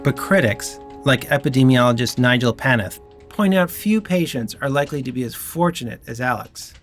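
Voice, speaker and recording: A man narrating a documentary in a measured, clear scripted read. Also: mid-range voice, animated. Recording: faint music underneath. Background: faint music.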